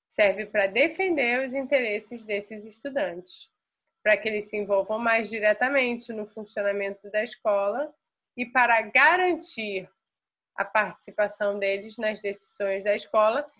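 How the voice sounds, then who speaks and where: A woman's voice: mid-range voice, fairly bright tone. A Brazilian woman teacher explaining a lesson patiently to a class, often restarting her words. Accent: Brazilian Portuguese.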